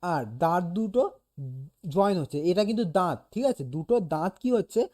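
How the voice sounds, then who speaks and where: Patient tutor, dark mellow tone, talks a student through a lesson and sounds out examples. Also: mid-range voice, animated, a little fast. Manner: explains patiently, demonstrates sounds aloud, keeps checking "okay?". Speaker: animation teacher. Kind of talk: casual one-on-one lesson.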